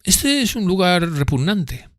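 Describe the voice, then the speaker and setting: A man voicing an arrogant young gentleman rival in an audiobook, with a mocking, drawling, disdainful manner. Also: sits high, very animated, a little slow, no room sound, studio quality, voice pushed up. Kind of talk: audiobook character voice.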